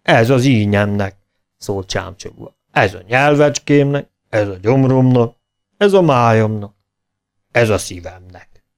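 Storybook bear gentleman, greedy and boastful, grumbly, read by a man, lively pitch. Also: natural voice. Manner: grumbling, smacking lips.

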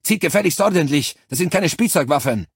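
A man voicing a gruff male sergeant who shouts clipped military orders at his troops. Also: mid-range voice, a little fast, no room sound, studio quality, lightly acted. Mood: yelling.

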